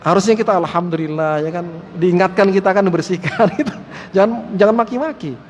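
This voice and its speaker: A man with a high voice gives a relaxed sermon to a mosque study circle, often teasing his listeners and calling them Pak. His voice rings through a hall with a long echo, with faint noise underneath. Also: brisk, muffled recording. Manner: lively, joking, addresses listeners as Pak and antum. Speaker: Islamic teacher.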